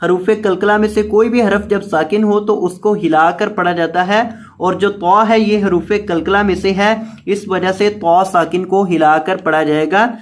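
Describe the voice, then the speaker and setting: A patient teacher with a Pakistani Urdu accent leads a tajweed lesson, naming each letter and vowel mark in short, careful steps. Between the explanations the verses are chanted in long, drawn-out melodic phrases. The voice sits in an ordinary middle pitch. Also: steady tone. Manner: spells out letters and vowel marks slowly, then recites in a drawn-out melodic chant. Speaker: Quran teacher. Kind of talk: tajweed lesson, spelling word by word.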